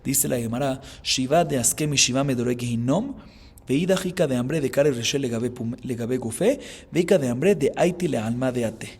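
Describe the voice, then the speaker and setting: Rabbi teaching Talmud in a reverberant hall. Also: male voice, mid-range voice, normal speed, a little mellow, slightly rough. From Colombia. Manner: explanatory, frequent "¿sí?" check-ins, chants Hebrew and Aramaic passages. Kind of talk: Talmud class.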